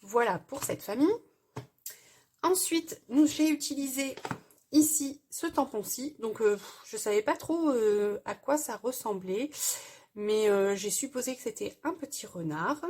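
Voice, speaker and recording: A woman with a somewhat high, breathy, husky voice talks through a craft tutorial. She explains each step plainly and hesitantly, often pausing on filler sounds as she shows her work. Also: animated, darkish tone. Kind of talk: casual crafting tutorial voice-over.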